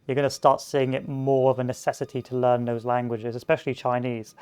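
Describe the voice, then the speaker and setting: A man's voice: medium pitch, completely flat delivery, a little fast, darkish tone, smooth. A man giving casual, rambling commentary over a strategy game, drifting into chatty tangents with plenty of fillers. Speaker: gameplay commentator. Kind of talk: casual let's-play commentary.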